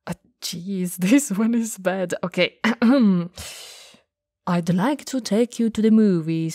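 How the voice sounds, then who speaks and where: Playing a teasing goth older sister in romantic ASMR, a woman speaks softly and breathily, frequently sliding into a whisper. Her mid-range voice is dark and husky with breath. The recording is dry and intimate, captured on a close studio mic.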